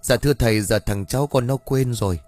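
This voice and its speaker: A man's voice: medium pitch, fairly quick, a little mellow, no room sound, natural voice. A man voicing an anxious, deferential mother who pleads hesitantly with a shaman. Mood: pleading.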